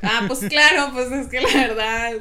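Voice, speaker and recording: Crowd noise surrounds a high-sitting female voice at a moderate pace. She's Venezuelan, speaking with a Venezuelan Spanish accent in casual chat, telling animated stories with imitated accents and voices and frequent laughter.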